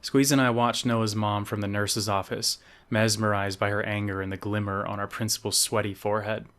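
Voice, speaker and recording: Low-voiced man reading a novel aloud. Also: level tone, a bit bright, clear, resonant tone. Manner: measured storytelling reading. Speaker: novelist reading his book. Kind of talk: scripted narration.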